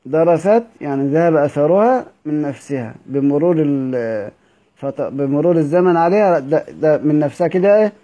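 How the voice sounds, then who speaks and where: A man's voice: fairly high pitch, brisk, warm tone. A man with an Egyptian accent teaching a lesson, reading a classical text aloud in formal Arabic and then explaining it in everyday speech while putting questions to his students. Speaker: teacher of Quran orthography.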